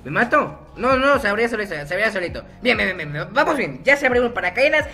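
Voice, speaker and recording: A man's voice: high-pitched, very animated, fast, bright, forceful tone, faint music behind. A young man giving casual, self-mocking gameplay commentary, chatty and laughing often. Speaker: gaming YouTuber.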